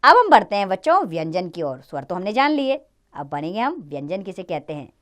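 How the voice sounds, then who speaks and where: A woman's voice: on the low side, sing-song, brisk. A woman teaching a grammar lesson to children, explaining step by step and asking and answering her own questions.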